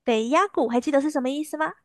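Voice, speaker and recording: A woman with a bright, high voice leads a language lesson and repeats each word slowly and clearly so students can copy it. The sound is close and dry, with no room around it. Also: dry recording. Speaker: language teacher.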